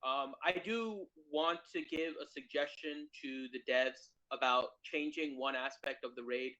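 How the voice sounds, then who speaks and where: A man co-hosting a casual game livestream, speaking over an online call whose connection breaks up and cuts his voice in and out. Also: medium pitch. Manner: relaxed, drawn-out talk with many fillers. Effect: voice breaking up over a bad connection. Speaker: co-host of a mobile game livestream. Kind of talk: casual chat. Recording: dull lo-fi online call audio.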